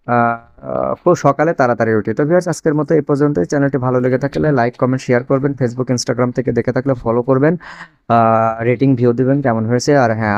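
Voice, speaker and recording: A man teaching a language lesson, repeating each phrase slowly and translating it word by word. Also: mid-range voice, darkish tone, no room sound, dull audio. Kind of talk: casual spoken lesson.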